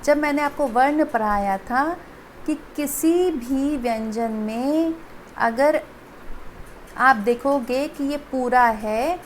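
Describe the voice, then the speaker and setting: A woman's voice: high voice, takes it slowly, slight background noise. A woman teacher patiently explaining a grammar lesson to children, speaking to them directly. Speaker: school teacher.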